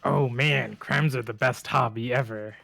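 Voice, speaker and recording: A smug, scheming demon voice, put on by a man while playing a game, growled with as much vocal fry as he can manage. The voice sits at a middling pitch and sounds like a friendly devil tempting someone into crime. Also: steady tone, unhurried, fairly bright tone, dry recording, faint music behind. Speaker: gaming streamer. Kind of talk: voicing a character in a game playthrough.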